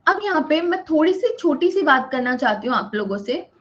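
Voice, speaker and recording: High-voiced woman teaching an online class. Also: sing-song, brisk, lo-fi sound. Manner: Hindi mixed with English, repeats points and checks understanding often. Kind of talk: online live class lecture.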